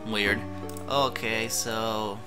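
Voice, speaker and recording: Male gamer, lowish voice, slow casual commentary, hesitant, loud guitar music behind. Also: steady tone. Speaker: game walkthrough player.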